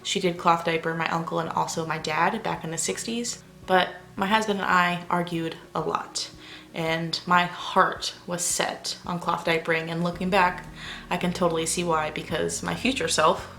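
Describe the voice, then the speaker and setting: A woman's voice: lowish voice, fairly even intonation, moderate pace, creaky, fairly bright tone. A young adult woman vlogging at home late at night, talking in a chatty, rambling way and keeping her voice down while her family sleeps. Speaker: parenting vlogger. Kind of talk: casual talk to camera. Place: house at night, family asleep.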